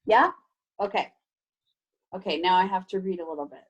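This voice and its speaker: A woman teaching over a video call reads aloud from a children's book, lively and instructive, tossing in playful emphasis and casual remarks to the kids. Her voice sits lowish at a normal pace, and the sound is lo-fi.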